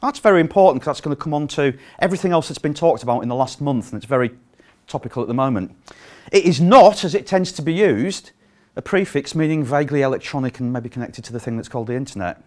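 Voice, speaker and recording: Speaking fast at a medium pitch, a middle-aged British man presents at a conference with no microphone. He projects to fill the room, stays lively, and peppers his talk with ums and uhs.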